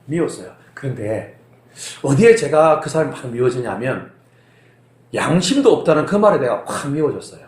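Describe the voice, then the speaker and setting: A man's voice: medium pitch, moderate pace. A male pastor preaching a sermon, telling a personal story with animation and acting out the people in it. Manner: animated storytelling, acts out phone arguments. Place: church sanctuary. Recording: echoey church hall.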